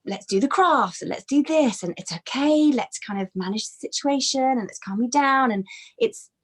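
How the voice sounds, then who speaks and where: Speaking from a brick-walled bedroom on a webcam call, a fitness trainer in her thirties appears as a podcast guest. Her high, slightly rough voice is expressive and moves at a normal speed. She chats casually in the interview, restarting often and leaning on fillers.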